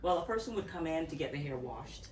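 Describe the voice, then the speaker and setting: A woman's voice: deep voice, animated, fast. A woman in her fifties, originally from Barbados, talking in an interview at her home workspace; she speaks reflectively, rambling with restarts and occasional laughs. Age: 50s. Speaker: interview guest, natural hair care practitioner. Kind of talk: casual interview talk. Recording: echoey room, far from the mic.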